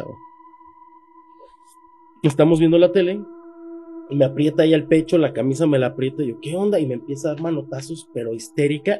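A man's voice: on the high side, dark tone, a little hiss or hum. Slangy Mexican man telling a scary story. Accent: Mexican Spanish. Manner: slangy, emphatic, raises voice when quoting. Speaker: guest telling a paranormal story. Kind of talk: casual storytelling.

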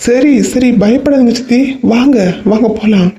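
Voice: mid-range voice, normal speed, mellow, a little hiss or hum, natural voice. A performer voicing a caring young man in a cartoon, with a Kanyakumari Tamil accent, patient and reassuring. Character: caring young man soothing his family.

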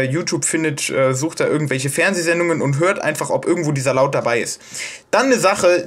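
A man from Germany explaining pronunciation in a casual, hesitant tutorial, with many fillers and restarts. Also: a little high. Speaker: video host explaining Japanese pronunciation. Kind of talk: casual self-made tutorial.

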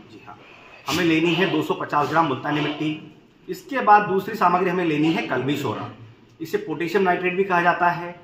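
A man's voice: on the high side, fairly bright tone. A man in his thirties, a goat farmer hosting his channel, explaining a remedy step by step and repeating key points for viewers. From India. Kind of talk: instructional farming video. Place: large open-sided goat shed, indoors. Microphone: camera at medium distance, standing to camera. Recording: echoey shed with faint ambient noise.

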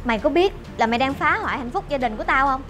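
A woman's voice: high voice, expressive, rapid-fire, pushed and bright. An actress playing a young woman indignantly scolding a friend who betrayed her, over background music. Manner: accusing, indignant.

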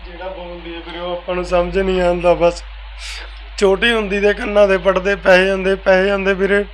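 A man answering an interviewer's questions in a soft-spoken, casual way. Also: sits high, flat delivery, fairly quick, a little hiss or hum, low-quality recording. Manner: soft-spoken, repeats "veere" often. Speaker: interviewee, family member.

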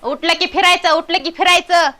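A bossy old mother-in-law, played by a woman, who nags without pause and fires off repeated orders. Her voice sits very high and rings bright and sharp, in the manner of a village family drama. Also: steady tone. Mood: scolding. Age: older. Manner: nagging, barks repeated orders.

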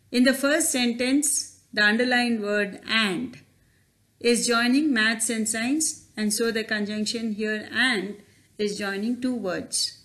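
A woman's voice: on the high side, a bit bright. A woman teacher, explaining grammar over slides in a careful, questioning way. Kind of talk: slide-based grammar lesson.

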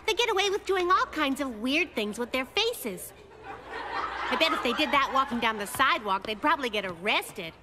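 A woman voicing a clever, spunky little cartoon girl who chats wryly to the viewer. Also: high voice. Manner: chatty, wry storyteller to camera. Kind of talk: cartoon voice acting.

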